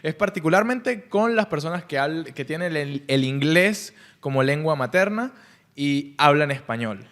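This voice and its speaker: A man cohosting a language podcast, explaining things in a calm, casual way. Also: fairly high pitch, measured pace. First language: Spanish.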